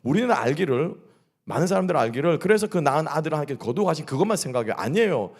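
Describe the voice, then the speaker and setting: Fast, lively pastor preaching a sermon. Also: male voice, on the high side. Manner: keeps asking the congregation questions and answering them himself. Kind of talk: sermon at a midweek church service. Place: church sanctuary.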